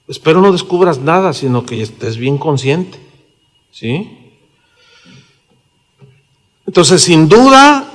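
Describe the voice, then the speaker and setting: Mexican pastor, 60s, chatty sermon delivery, lots of tag questions, raised voice, long hall echo. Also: male voice, high voice, fairly bright tone. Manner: conversational preaching with fillers and tag questions. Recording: reverberant hall.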